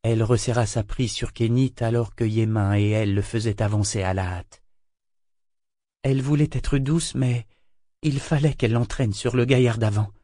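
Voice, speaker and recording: A man narrating a fantasy novel in a steady, measured way. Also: medium pitch, dry recording. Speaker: audiobook narrator. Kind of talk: dramatic audiobook narration.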